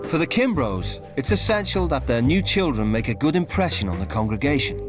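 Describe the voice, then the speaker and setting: A man's voice: medium pitch, sing-song, fairly quick. A man reading scripted television narration as the narrator of a reality show. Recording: clear music behind narration.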